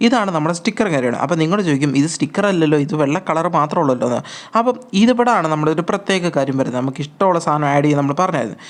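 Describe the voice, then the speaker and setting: A man with a fairly high-pitched voice hosts a gaming channel, narrating a mobile game tutorial as a voice-over. His step-by-step instructions are chatty and repetitive.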